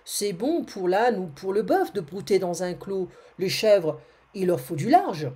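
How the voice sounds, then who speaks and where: Storybook role: a restless young she-goat, read by a woman, gentle and wistful, mellow tone. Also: mid-range voice, expressive, unhurried, close to an everyday voice. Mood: dreamy.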